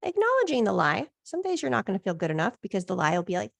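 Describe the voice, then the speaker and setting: Encouraging woman coach with gravelly edge. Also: medium pitch, huge pitch swings, fast talker. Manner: encouraging, affirming, reflective. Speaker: life coach. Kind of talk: coaching session.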